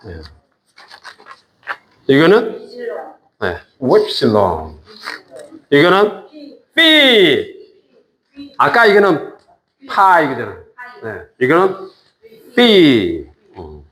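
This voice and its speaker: In this classroom lesson, a male teacher goes slowly and patiently, stretching out each repeated word. His pitch is lively, and he jokes around with the students.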